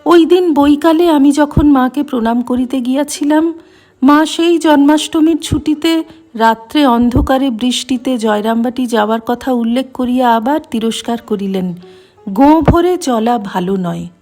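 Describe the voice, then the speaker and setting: A woman giving a measured, reverent reading of a devotional text, her voice dipping softly on quoted lines. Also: high voice. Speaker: reader of devotional texts. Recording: faint music behind the voice.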